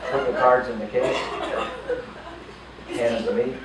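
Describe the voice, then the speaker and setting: A man's voice: medium pitch, steady tone, a little slow, over a noisy crowd. An older man performing as a stage magician in a casino showroom, keeping up jokey, chatty banter with volunteers from the audience. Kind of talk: live magic show patter. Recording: echoey, distant, noisy live room.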